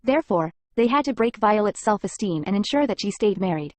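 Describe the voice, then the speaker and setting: A woman's voice: medium pitch, expressive, brisk, dry recording. Woman narrating a story recap.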